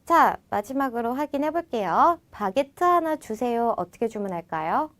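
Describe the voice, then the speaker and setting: Female language teacher, a touch high-pitched, walks students through phrases with slow, careful modeling. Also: very animated, a bit bright. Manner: slows down to model phrases, then explains in Korean. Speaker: French teacher. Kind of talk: language lesson.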